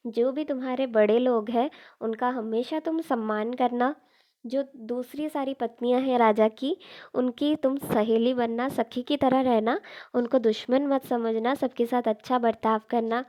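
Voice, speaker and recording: A woman's voice: on the high side, a little mellow, close to an everyday voice. A woman voicing an old male sage giving earnest fatherly advice in a storytelling recording. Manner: earnest, instructive.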